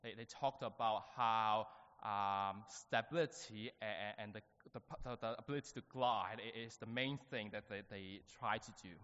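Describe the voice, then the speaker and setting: A man preaching a sermon to a church, talking haltingly with many fillers and restarts. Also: lowish voice, a bit bright, clear, resonant tone. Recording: dull sound with long reverb.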